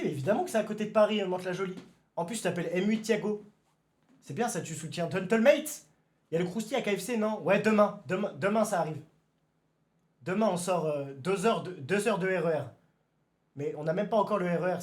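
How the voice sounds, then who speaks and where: A young man streaming live, chatting casually with his viewers, excitable and given to sudden shouted exclamations before calming down again. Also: sits high. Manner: excitable, bursts into shouted exclamations then calms down. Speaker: livestreamer. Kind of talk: casual livestream chat with viewers.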